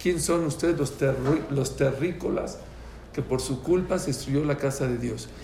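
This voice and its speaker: In a lively religious class, a man with a mid-range voice and vocal fry speaks at a moderate pace, animatedly telling anecdotes and performing the characters' voices while teaching prayer. The room echoes with faint ambience and a bit of hiss or hum.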